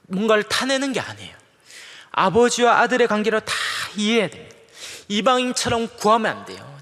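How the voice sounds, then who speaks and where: A man's voice: high-pitched, fairly bright tone. A middle-aged male pastor preaching a sermon in a conversational, playful way, acting out little quotes. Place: large church sanctuary. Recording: long hall reverb in a church.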